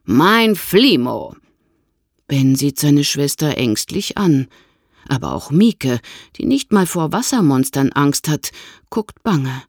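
Low, lively storytelling woman. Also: slow, husky, no echo, studio quality. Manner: expressive storytelling. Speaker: narrator. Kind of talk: children's audiobook reading.

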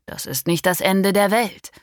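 A woman voicing a calm male family doctor who speaks in a measured, placating way, in an audiobook reading. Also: medium pitch, dry recording, studio quality, close to an everyday voice. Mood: soothing.

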